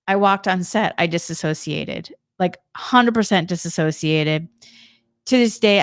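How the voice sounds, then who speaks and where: A woman's voice: lowish voice, clean tone, no echo, clean studio sound. A woman giving a casual, emotional personal monologue as a spiritual energy coach, chatting directly to her listeners.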